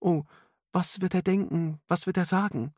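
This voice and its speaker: An anxious, self-doubting young woman in a storybook, put on by a male reader. Her lines sit up high and waver with worry, and the melody swings widely. The recording is close and dry. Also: expressive, moderate pace, vocal fry, breathy edge, dry recording, heavily acted. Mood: fretful. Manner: anxious, fretful.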